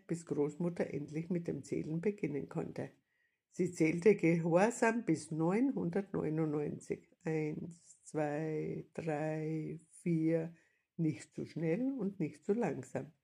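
A woman reading a children's storybook aloud as narrator, calm and steady. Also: fairly low pitch, a little slow, slightly rough.

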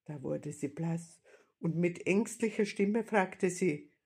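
A woman reads a children's story aloud at a slow, unhurried pace. Her voice is breathy and fairly low for a woman, and it stays calm and steady throughout. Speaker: narrator. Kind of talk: storybook reading.

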